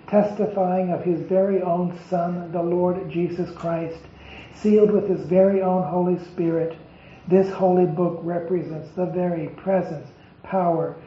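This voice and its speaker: A man preaching a devotional sermon with a raised, fairly high voice, stressing each word as he piles up lists of phrases. He speaks slowly and deliberately. The recording is muffled and lo-fi and carries a roomy echo. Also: a little hiss or hum. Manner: emphatic, deliberate listing of phrases. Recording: echoey, dull lo-fi recording.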